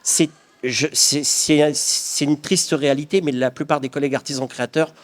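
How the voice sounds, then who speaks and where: Fairly high in pitch, with fairly even intonation and a moderate pace, this middle-aged craftsman from the Paris region answers interview questions. He's earnest and reflective, frequently restarting his thoughts.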